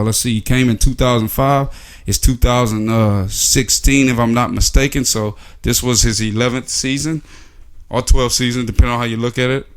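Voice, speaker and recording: Speaking directly to his viewers, a sports commentary vlogger with a drawl delivers a loose, unscripted opinion rant at a normal middle pitch. He's sarcastic, fires off rhetorical questions, and fills his thinking-aloud with lots of "uh"s, all in a clean tone.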